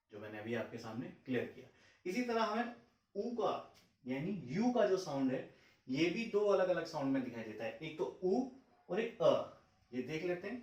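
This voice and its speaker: A man's voice: on the high side, darkish tone. A man teaching English vowel sounds, patiently repeating example words one at a time. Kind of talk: phonics lesson explaining vowel sounds. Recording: roomy echo, mic at a distance.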